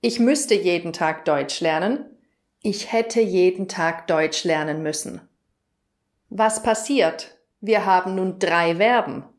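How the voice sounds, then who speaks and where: In a grammar lesson video, a German woman explains things clearly and puts questions to the viewer. She speaks slowly, with a fairly low pitch.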